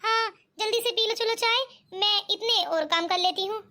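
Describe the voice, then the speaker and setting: A woman's voice: very high-pitched, moderate pace, pushed and bright. A woman voicing a kindly, helpful elder sister-in-law in a cartoon, talking in a reassuring and teasing way. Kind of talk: cartoon voice acting.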